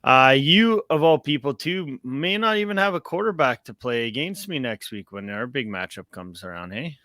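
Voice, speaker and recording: A man's voice: medium pitch, animated, normal speed, sharp tone, no room sound, studio quality. A young man hosting a casual sports podcast, upbeat and rambling with plenty of fillers. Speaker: podcast host.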